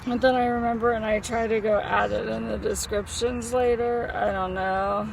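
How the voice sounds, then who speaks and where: Weak, groggy woman just out of surgery, creaky voice. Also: fairly high pitch, flat delivery, moderate pace, slight background noise, poor audio. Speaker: vlogger. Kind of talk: casual vlog chat.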